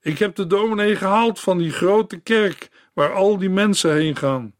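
A man's voice: high voice, a little slow, dry recording, pitched above the performer's own voice. Man voicing a poor little girl, raised voice, pleading and urgent, storybook reading, dry close sound. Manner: begging, urgent.

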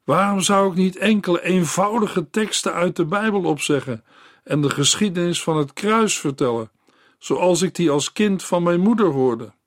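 A man voicing a kindly minister who speaks gently and reflectively in a storybook reading. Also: high-pitched, moderate pace, no room sound, studio quality, pitched above the performer's own voice, lightly acted. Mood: gentle. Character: kindly minister, hesitant and searching.

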